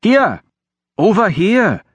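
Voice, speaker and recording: A man voicing an eager, wiry adolescent boy who wheedles and calls out loudly in an audiobook. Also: on the high side, big pitch swings, moderate pace, breathy edge, no echo, pitched above the performer's own voice, full character voice. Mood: calling out.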